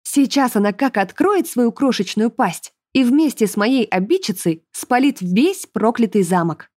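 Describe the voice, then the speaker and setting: A woman narrating a first-person fantasy audiobook in a lively, expressive way. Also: a little high, measured pace.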